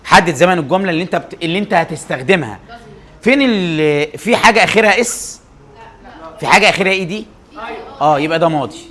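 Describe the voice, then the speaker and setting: Teaching English grammar, a young Egyptian Arabic-accented man keeps tossing rapid questions to his students, then answering them on his own. His voice is on the high side, expressive, and fairly bright.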